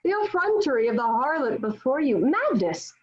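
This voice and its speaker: A woman's voice: high voice, sing-song, normal speed, a little mellow. A woman playing a devout, defiant young Joan of Arc in a dramatic table read, speaking in formal, declamatory period phrasing. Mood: defiant, scornful. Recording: dull lo-fi virtual-meeting audio.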